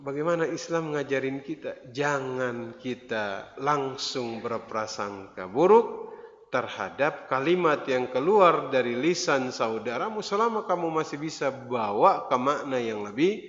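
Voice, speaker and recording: A man's voice: mid-range voice, sharp tone. A man giving a dawn sermon in a mosque. He tells funny everyday stories and keeps putting questions to the congregation. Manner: storytelling with jokes, asks the congregation questions. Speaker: preacher. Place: mosque hall. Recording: echoey long-reverb hall, dull lo-fi sound.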